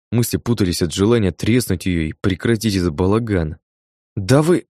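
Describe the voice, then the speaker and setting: A man narrating a first-person audiobook in a calm, even manner. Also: lowish voice, no room sound, clean studio sound.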